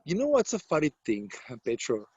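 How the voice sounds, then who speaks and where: On the high side and warm with a breathy edge, this man's voice swoops wildly in pitch at a moderate pace. A Serbian speaking accented English with broken grammar, he answers interview questions like a confident property-sales coach. The lo-fi recording has no echo.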